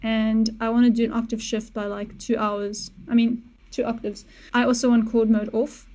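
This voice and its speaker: A young woman with a slightly high voice, speaking at normal speed, hosts a casual music-production tutorial. She talks through each step in a relaxed way with small self-corrections, using a boom-mounted studio mic and headphones in a small home studio.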